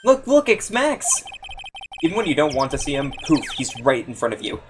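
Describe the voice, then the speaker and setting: A man voicing a bubbly, excitable teenage girl sidekick. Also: mid-range voice, fast, over music, lightly acted. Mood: excited. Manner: excitable, chirpy.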